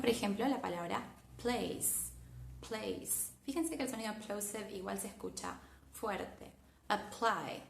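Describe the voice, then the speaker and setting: A young woman with an Argentine Spanish accent, teaching English pronunciation in an online lesson with clear, emphatic delivery and exaggerated example sounds. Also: mid-range voice, reverberant.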